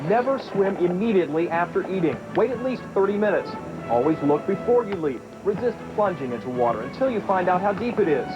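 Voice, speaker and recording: A man reading a water-safety announcement in a clear, instructive way, heard from a worn VHS tape copy. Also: high-pitched, lively intonation, a little fast, lo-fi sound, music in the background. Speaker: public service announcer.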